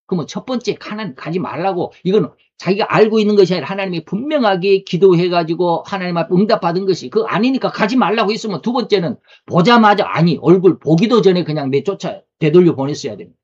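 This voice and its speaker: Guy preaching, kinda high voice, talks to the crowd like a chat, asks questions, muffled lo-fi sound. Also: expressive, fast talker, hardly any pauses, breathy edge. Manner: conversational preaching with rhetorical questions. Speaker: pastor. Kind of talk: sermon. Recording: dull lo-fi recording.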